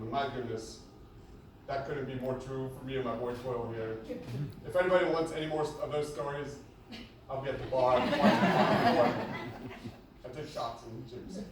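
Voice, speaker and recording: A young man giving a humorous best man speech, joking and pausing between short phrases. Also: medium pitch, fairly even intonation. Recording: echoey venue, distant mic, noisy background.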